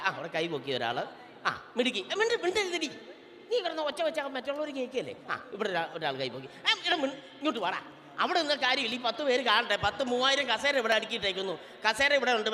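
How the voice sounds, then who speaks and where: This man's heavily acted, extremely high voice plays a bossy, teasing middle-aged auntie in live stage comedy. Serving as comedian and emcee, he loudly orders the crowd about, banters with them, and calls people up onto the convention hall stage, all heard through a reverberant PA.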